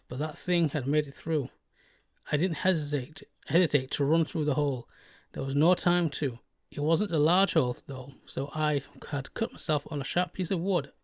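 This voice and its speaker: A man's voice: a little high, a little mellow, no echo, studio quality. A man reading a scripted first-person horror story as its narrator, now and then stumbling over a word.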